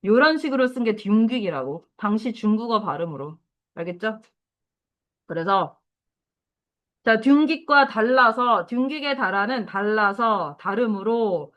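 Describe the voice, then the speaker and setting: A woman teacher giving a lively, chatty lecture to middle schoolers, talking straight to the class and drawing out key words slowly. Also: medium pitch, highs cut off. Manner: lively, chatty, addresses students directly.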